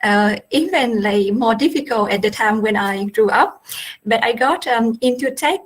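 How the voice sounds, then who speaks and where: Casting: young woman from Vietnam, fairly high voice, halting panel talk. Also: expressive, poor audio. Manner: hesitant, many fillers.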